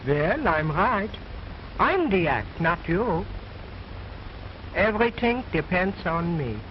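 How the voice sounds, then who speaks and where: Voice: medium pitch, sing-song, takes it slowly. Cheeky, swooping ventriloquist's dummy boy. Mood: boastful. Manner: broken-English wisecracking, sassy. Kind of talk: old-time ventriloquist stage act in a film. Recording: muffled old film soundtrack, loud noise.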